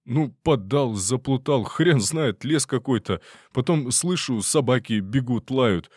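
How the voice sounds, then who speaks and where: A man's voice: mid-range voice, lively intonation, a little slow, darkish tone, dry recording, clean studio sound, pitched above the performer's own voice. A man voicing a frightened, whining middle-aged trespasser who pleads and stammers to be let go. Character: whiny scared middle-aged male trespasser.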